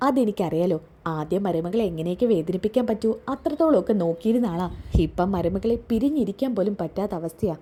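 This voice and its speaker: A woman voicing a calm, earnest woman doctor who breaks hard news in a measured way. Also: medium pitch, breathy edge. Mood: grave. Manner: measured, reassuring.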